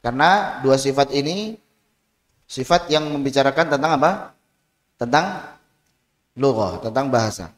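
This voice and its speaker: A man's voice: medium pitch, animated, normal speed, long pauses, long reverb tail. A man teaching a Quran pronunciation class, sounding out letters and syllables for his students to repeat. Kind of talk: tajwid lesson.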